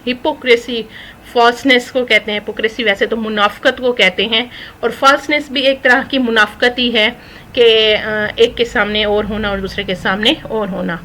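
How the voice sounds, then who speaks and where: Bright-voiced woman teaching spoken English. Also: a little high, steady tone, a little hiss or hum, low-quality recording. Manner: reads English phrases slowly and explains them in Urdu; mixes English words into Urdu. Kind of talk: recorded spoken English lesson.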